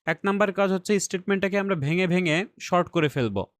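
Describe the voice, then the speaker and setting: A man's voice: high voice, fast talker, no room sound, studio quality. A man teaching an exam-skills lesson step by step. He often checks in with his listeners and mixes English terms into his explanations. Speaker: IELTS reading teacher.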